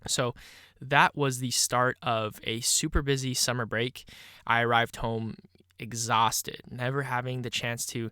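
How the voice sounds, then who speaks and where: A man's voice: mid-range voice, level tone, unhurried, pushed and bright, clean tone, no room sound, studio quality. A man of twenty-one with a stuffy nose hosting his own podcast, talking casually and reflectively with lots of "you know" fillers. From Canada. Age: 20s. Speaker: podcast host. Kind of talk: solo podcast monologue.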